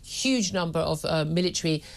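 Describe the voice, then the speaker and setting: A woman hosting a talk radio debate, forceful and emphatic, jumping up in pitch to rebut points. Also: moderate pace, gravelly.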